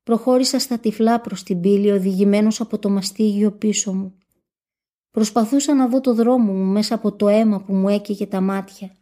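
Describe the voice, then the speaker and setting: A woman giving a solemn reading of a religious text in a steady, measured first-person recitation. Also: medium pitch.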